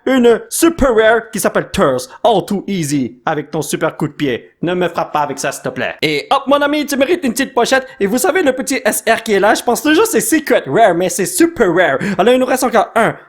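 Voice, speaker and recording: A man doing casual unboxing commentary, excitably reading card names and mixing in English slang. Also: sits high, fairly quick, few pauses. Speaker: YouTuber opening card packs.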